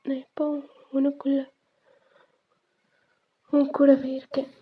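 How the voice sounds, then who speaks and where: A woman's voice: sits high, completely flat delivery, slow pace. Woman voicing a tender whispering male ghost. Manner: soft, tender and reassuring. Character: gentle male ghost comforting his grieving lover. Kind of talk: whispered role-play. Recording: tinny phone-like sound.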